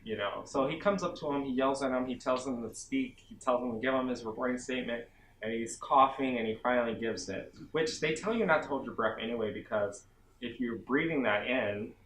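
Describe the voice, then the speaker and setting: A young man vlogging about his basic training, telling the story casually and a bit dramatically, with lots of "like" fillers. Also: medium pitch. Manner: animated, self-dramatizing, many "like" fillers. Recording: echoey room, faint background hum.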